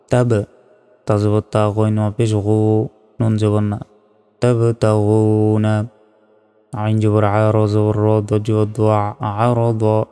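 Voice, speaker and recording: A man teaching Quran reading, methodically spelling out each syllable and then reciting the verses in slow, drawn-out phrases. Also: fairly low pitch, dark tone, smooth. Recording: long reverb, faint background music.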